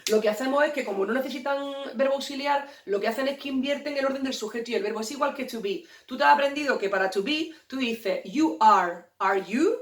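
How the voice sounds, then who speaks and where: A woman's voice: sits high, fast talker, hardly any pauses, far from the mic. A woman teacher, explaining English grammar to students in a playful, joking way. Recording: echoey room, voice away from the mic.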